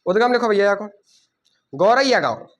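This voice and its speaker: Man, coaching teacher, high voice, dictating notes, repeats words slowly. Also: expressive, dull audio. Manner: repeats key words slowly for students to write. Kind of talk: classroom lecture dictating notes.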